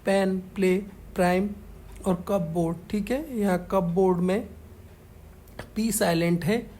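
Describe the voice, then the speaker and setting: A woman's voice: mid-range voice, warm tone, slight background noise. A woman teacher, patiently explaining a worksheet in an online class and often checking in with the pupils. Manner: slow, patient, repeats "ठीक है" after each point.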